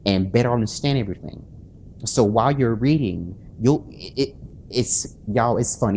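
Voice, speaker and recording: The voice is on the low side and a little mellow, with slight background noise: an author and channel host talking casually to viewers late at night. He's nervous, sleepless and self-conscious, his delivery halting and full of restarts and fillers.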